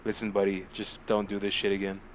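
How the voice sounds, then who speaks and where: Slightly fast and monotone, this low-voiced man co-hosts a podcast, riffing on weird news in slangy, profane, joking chat. There's slight background noise behind him.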